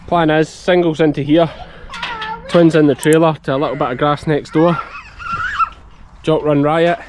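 Scottish farmer guy, broad accent, slightly high voice, chatty vlog out in a field, bit of outdoor noise. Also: fairly even intonation, normal speed. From Scotland. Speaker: sheep farmer and vlogger. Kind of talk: casual outdoor vlog chat, talking to child and sheepdog. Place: outdoors in an open farm field. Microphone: action camera held at arm's length.

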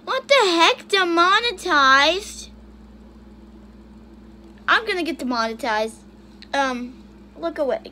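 A woman's voice: very high voice, expressive, takes it slowly, long pauses, sharp tone, a little hiss or hum. A young woman casually commenting on funny videos, bursting into shrieks and then muttering to herself. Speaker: YouTuber reacting to videos.

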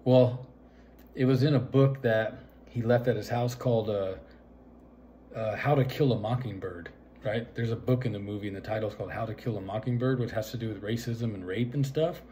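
A man's voice: lowish voice, normal speed, dark tone, slight background noise. Rambling man retelling a movie plot. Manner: rambling, full of fillers and "right?" asides. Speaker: vlogger. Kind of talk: casual retelling of a film plot.

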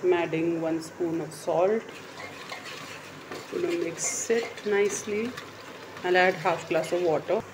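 A woman's voice: lowish voice, takes it slowly, long pauses, noisy background. A woman narrating her home cooking vlog step by step, recorded on a phone in her kitchen. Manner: steady step-by-step instructional narration. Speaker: cooking vlogger.

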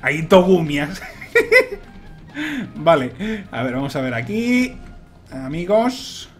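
Guy playing a game, high voice, jumpy and shouty, little bit of music underneath. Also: slow. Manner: excitable, shouts and repeats words when nervous. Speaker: gaming YouTuber. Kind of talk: Let's Play commentary. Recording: faint music behind.

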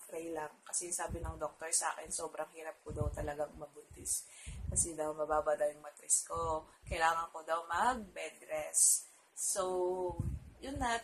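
A woman's voice: fairly low pitch, a bit bright, a little hiss or hum, poor audio. A Filipino woman vlogger telling a personal story to her viewers in a casual, chatty way, laughing often and trailing her phrases with fillers.

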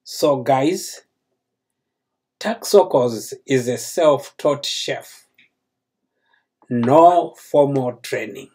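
A man's voice: mid-range voice, lively intonation, extremely slow, pauses often, darkish tone, slightly rough. An older man who grew up in Zambia, speaking to camera as the host of a cooking channel. He addresses his viewers in a courteous, formal way, seated in a small indoor room. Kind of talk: slow, formal talk to camera.

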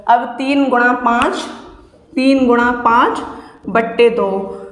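A woman's voice: fairly high pitch, slow. A woman teacher explaining exam math step by step, patiently asking and answering her own questions. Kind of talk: exam-prep math lesson. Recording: echoey room with long reverb.

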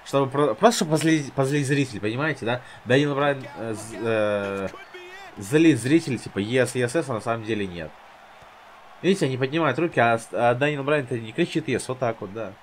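A man's voice: medium pitch, fairly quick. Man doing casual wrestling commentator play-by-play. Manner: talks to the wrestlers, teasing and goading. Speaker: gamer commentating own gameplay.

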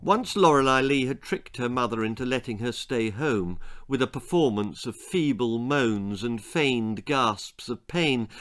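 This author, a British man in his sixties, performs his children's story theatrically inside a small room lined with books, delighting in each gruesome detail. He has a medium-pitched voice with a fairly bright tone.

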